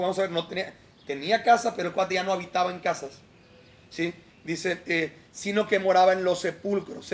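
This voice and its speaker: A man with a Mexican Spanish accent preaching a devotional outdoors beside a lake, in a conversational style that keeps checking in with his listeners. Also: high-pitched. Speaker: pastor.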